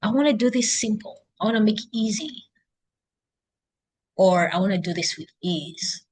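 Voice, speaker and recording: A young woman with a Kenyan accent records an unscripted, self-encouraging video diary, talking casually to her laptop and thinking aloud indoors at home by a couch. Her voice is medium-pitched, animated, a little mellow and husky, at a normal speed.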